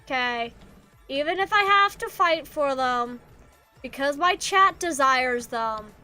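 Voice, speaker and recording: A woman's voice: high voice, expressive, slow. A woman streaming a game, chatting casually in a giggly, rambling way and coaxing her cat in a playful voice. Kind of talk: casual gameplay streaming chat. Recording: faint background music. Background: soft background music.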